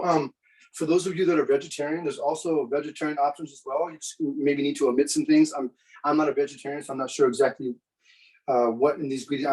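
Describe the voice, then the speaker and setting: A man's voice: mid-range voice, far from the mic, poor audio. Man demoing a recipe, a bit off-mic. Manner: relaxed, chatty, with fillers. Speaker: cooking demo presenter. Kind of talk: live cooking demonstration.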